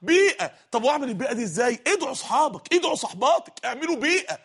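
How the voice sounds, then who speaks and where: A man preaching a fervent sermon in an Egyptian Arabic accent, exhorting his listeners and sometimes shouting. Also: very high-pitched, big pitch swings, very fast, husky. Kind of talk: impassioned sermon.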